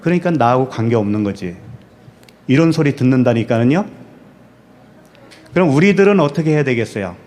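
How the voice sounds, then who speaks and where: Korean pastor preaching with rhetorical questions. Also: male voice, mid-range voice, expressive, a little fast, long pauses, a little mellow. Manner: asks the congregation rhetorical questions and answers them himself; repeats key words for emphasis. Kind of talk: sermon.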